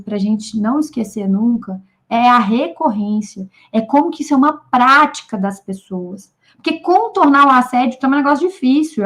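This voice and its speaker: A woman researcher speaking at a teachers' union debate, talking in an animated way straight to her listeners and acting out quick bits of staffroom talk. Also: on the high side. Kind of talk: informal talk to an audience.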